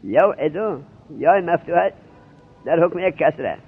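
A man's voice: a little high, lively intonation, husky. A man teaching a seminary grammar class, questioning and drilling his students as he explains. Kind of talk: Arabic grammar lesson in Persian. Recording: tinny lo-fi narrowband recording.

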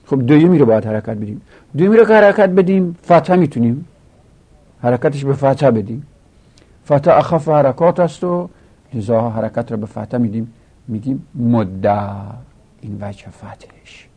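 A man's voice: medium pitch, animated, dark tone, husky. A man teaching an Arabic grammar lesson, explaining step by step and repeating each rule.

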